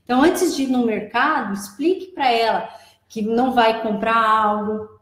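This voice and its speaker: Woman guest, high voice, explains and repeats key points, roomy echo. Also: normal speed. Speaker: guest, preschool operations director. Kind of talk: live advice chat. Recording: echoey room.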